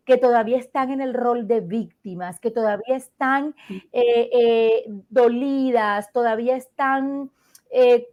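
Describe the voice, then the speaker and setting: Effusive woman podcast host. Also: on the high side. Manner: effusive, repeats words for emphasis. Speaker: podcast host and advocate for abuse survivors. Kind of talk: podcast interview.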